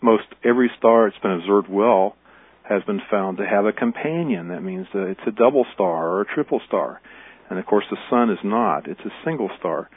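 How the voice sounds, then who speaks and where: A man's voice: fairly low pitch, moderate pace, breathy edge. A man explaining science as an expert in a documentary interview. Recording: dry, narrow phone-like radio sound.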